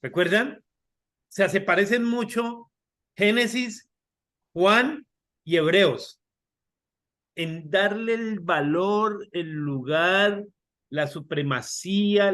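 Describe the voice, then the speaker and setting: A man teaching an online Bible study class, talking slowly, repeating and restarting words, and putting questions to his students over a video call. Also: sits high, pushed and bright.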